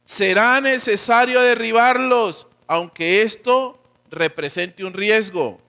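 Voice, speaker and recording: A man with a Colombian accent preaching a sermon as pastor, swinging between loud emphatic lines and quiet dropped endings, and acting out quoted voices. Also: high voice, slow, creaky. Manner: acts out quotes of God and of church members.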